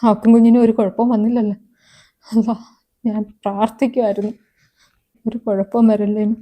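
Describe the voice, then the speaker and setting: A woman acts out a gentle young daughter-in-law, hurt by blame. Her voice is mellow, a bit high and oddly level, soft and pleading. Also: flat delivery, a little fast, natural voice.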